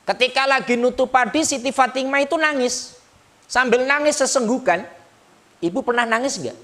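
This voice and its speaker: A man preaching to a gathering of women in a light, joking way. He keeps turning to his listeners with questions and banter. His voice sits high and sounds bright and forceful. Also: moderate pace. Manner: joking, chatty, addresses listeners directly. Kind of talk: humorous sermon to a women's gathering.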